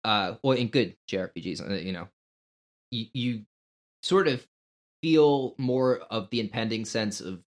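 A man's voice: on the low side, a little slow. A man co-hosting a podcast in natural, unscripted casual talk, thinking aloud with some hesitation. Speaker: podcast co-host.

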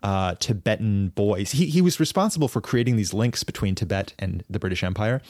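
On a casual podcast, a co-host with a fairly low, darkish voice works through a long historical explanation. He's thoughtful and halting, restarting phrases as he thinks, yet his intonation stays lively. The sound is dry and close, without room echo.

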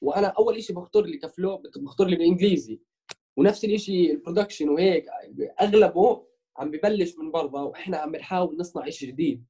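A man's voice: high voice, very fast, warm tone, slightly rough. A young man with a Jordanian-Palestinian Levantine Arabic accent, chatting casually as an interviewed musician and mixing in English words. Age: young adult.

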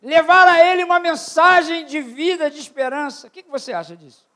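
An older man preaching a sermon at a church retreat, asking the congregation questions and calling for amens. He swings between loud shouted peaks and low quiet asides. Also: fairly quick.

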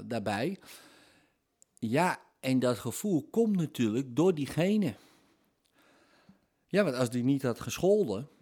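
A man's voice: medium pitch, darkish tone. A man giving an explanatory monologue on hypnosis, talking conversationally, working through everyday examples and often checking in with tag questions.

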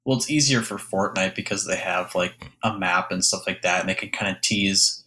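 A man with a very deep voice and a bright, forceful tone co-hosts a gaming podcast. He chats in a relaxed, agreeable way. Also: moderate pace, rough recording. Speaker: podcast co-host. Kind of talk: casual gaming chat.

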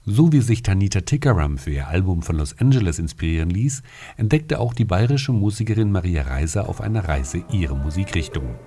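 A man reading scripted radio feature narration in a calm, measured way. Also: deep voice, breathy edge. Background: music bed.

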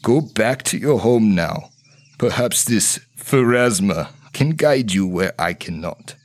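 A gentle old holy man, played by a man speaks in slow, solemn counsel to a grieving friend. His voice sits low and unhurried. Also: sing-song, slightly rough, heavily acted.

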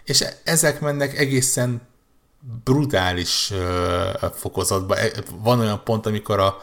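A man's voice: fairly low pitch, a bit bright. A man on a podcast, chatting casually about video games, rambling with many restarts and repeated words. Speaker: podcast co-host. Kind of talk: casual gaming chat.

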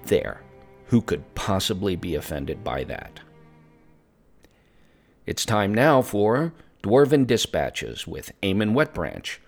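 A man playing an earnest, friendly news host in a scripted fantasy radio broadcast. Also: lowish voice.

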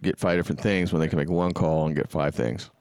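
A man's voice: very deep voice, steady tone, fast talker, darkish tone, smooth. A man in his fifties, a musician and band leader, talking in an easygoing, plainspoken way in casual podcast chat. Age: 50s.

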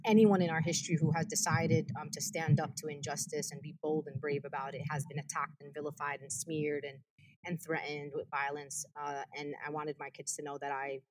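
A woman activist from the US gives an earnest, passionate interview, her speech quick and emphatic. She has a deep, slightly mellow voice, heard through a rough recording.

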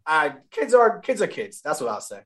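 A man's voice: fairly high pitch, wildly swooping pitch, fairly bright tone. A man and new father chatting casually about family money, talking loosely and correcting himself as he goes. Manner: fast, loose, self-correcting. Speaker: guest, father.

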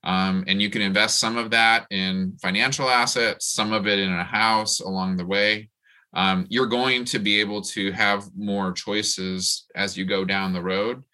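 Bright-voiced, low-pitched man on a panel. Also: steady tone, a little slow. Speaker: professor, panelist. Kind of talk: explanatory panel remarks.

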